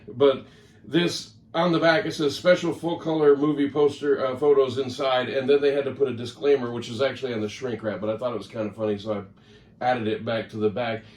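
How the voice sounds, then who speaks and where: Chatty man in a roomy, distant recording. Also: medium pitch. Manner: rambling, chatty, self-correcting. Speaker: record collector vlogger. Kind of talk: casual talk to camera. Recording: roomy sound, mic at a distance.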